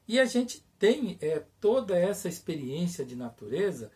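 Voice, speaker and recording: A man's voice: sits high, very animated, normal speed, a little mellow. A Brazilian man, a storyteller, speaking informally and directly to viewers in a conversational, repetitive way with check-in questions. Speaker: writer and storyteller. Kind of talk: informal presentation to camera, addressing viewers directly.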